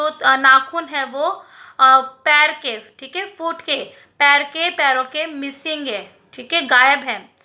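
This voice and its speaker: A woman teacher giving a recorded lesson, explaining slowly and repeating words as she checks that students follow. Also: sits high, sharp tone. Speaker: school English teacher.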